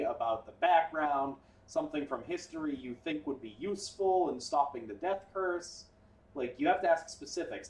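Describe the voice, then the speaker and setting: A man acting as game master, narrating a tabletop game in a casual, explaining way. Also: on the high side. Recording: echoey room, far from the mic.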